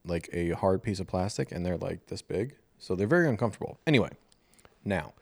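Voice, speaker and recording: A man's voice: low-pitched, expressive, brisk, gravelly, dry recording. A man co-hosting a casual podcast, joking and self-deprecating as he explains things. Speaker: podcast co-host. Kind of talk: casual chat.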